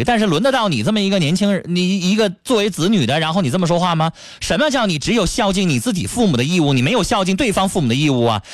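A man hosting a radio call-in advice show, lecturing a caller in a rapid, scolding tone. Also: high voice, no echo, clean studio sound.

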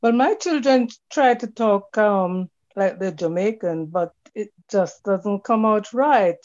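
A woman's voice: medium pitch, slow pace, darkish tone. Woman guest, easygoing and matter-of-fact, muffled video call audio. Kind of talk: casual chat.

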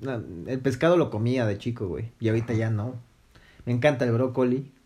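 Mexican guy in his twenties or so, jokey slangy storytelling, medium pitch. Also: a little fast. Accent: Mexican Spanish. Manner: joking, slangy, animated retelling. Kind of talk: casual podcast chat.

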